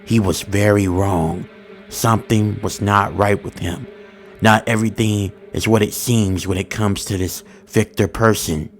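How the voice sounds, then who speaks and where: In a steady, ominous tone, a man narrates a horror story in the first person, using informal grammar. His voice is fairly low and his pace measured.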